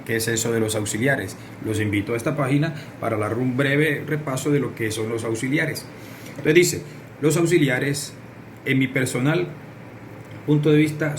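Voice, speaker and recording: A man's voice: medium pitch, noisy background. A man, teaching a recorded English lesson and explaining directly to his students.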